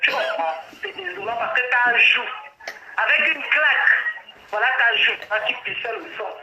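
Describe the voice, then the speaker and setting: A woman's voice: a little high, animated, normal speed, noisy background. A woman with a Gabonese French accent on a speakerphone call, outraged and emphatic as she recounts a fight, repeating herself. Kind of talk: indignant phone testimony. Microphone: phone on speakerphone. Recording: muffled echoey speakerphone call.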